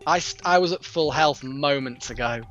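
A man's voice: on the high side, normal speed, a bit bright, highs cut off, faint music behind. A man chatting casually while playing a co-op game, exasperated and self-mocking. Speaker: gaming commentator. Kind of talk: casual gaming chat.

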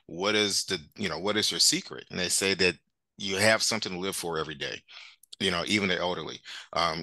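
A man's voice: deep voice, pushed and bright, no echo. A man hosting a webinar over a video call, rambling loosely with many fillers. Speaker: webinar host. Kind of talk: casual webinar talk.

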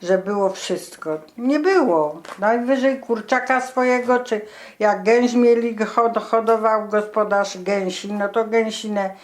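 An older woman with a mid-pitched voice shares memories in relaxed everyday speech. She speaks slowly and explains things plainly, in a matter-of-fact, grandmotherly way. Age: 70s or older. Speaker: grandmother being interviewed. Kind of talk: casual reminiscing conversation.

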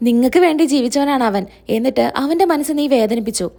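A woman's voice: high-pitched, expressive, fast, gravelly, mellow. A woman voicing a stern scolding grandmother. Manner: scolding, reproachful. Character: stern scolding grandmother, protective of her son.

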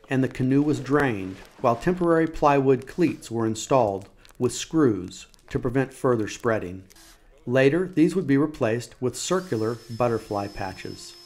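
A man giving measured, scripted documentary narration in an even voice. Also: medium pitch.

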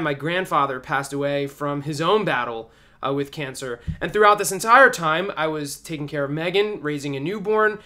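Bright-voiced man making a sincere appeal. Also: a little high. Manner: sincere, with frequent fillers and repeated words. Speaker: vlogger. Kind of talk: earnest direct-to-camera appeal. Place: small plain room indoors.

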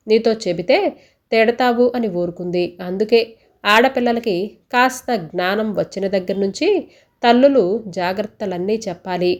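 A woman voicing a calm, firm middle-aged woman doctor who questions gently and then lectures. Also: mid-range voice, close to an everyday voice.

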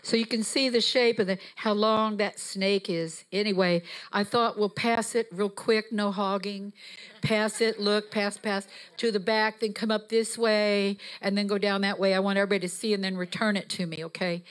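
This guest preacher, a woman with a mid-range voice, speaks at normal speed with fairly even intonation. Indoors in a mid-sized church sanctuary, she moves across the stage holding a handheld microphone, her sermon fervent and emphatic as it climbs into exhortation.

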